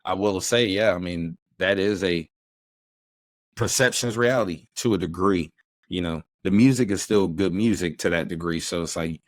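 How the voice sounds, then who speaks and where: Rambling man with a lowish voice. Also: moderate pace, dry recording. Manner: rambling, animated, acts out quoted voices. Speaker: podcast co-host. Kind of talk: casual podcast conversation.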